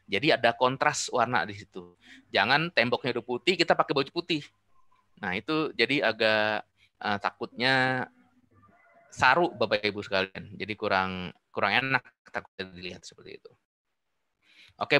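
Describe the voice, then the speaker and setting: Bright-voiced affable man co-presenter. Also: mid-range voice, no room sound. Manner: affable, agreeable, addresses the audience often. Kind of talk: casual webinar talk.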